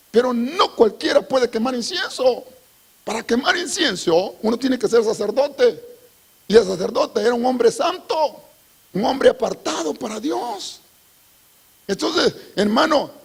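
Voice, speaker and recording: A male pastor preaching a sermon in a church, who breaks into sudden shouts and dramatic acted dialogue and keeps calling out "hermano". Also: very high-pitched, very animated, measured pace, vocal fry, breathy edge.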